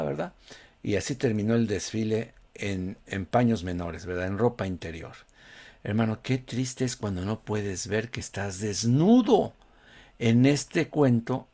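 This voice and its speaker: A man's voice: medium pitch, vocal fry. Man preaching a conversational sermon. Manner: conversational, addresses listeners as "hermano", asks rhetorical questions.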